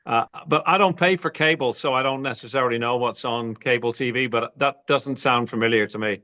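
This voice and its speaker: A man's voice: medium pitch, brisk, pushed and bright. A man from Canada, a guest on a boxing chat, talking earnestly and opinionatedly on a video call. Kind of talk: casual panel chat.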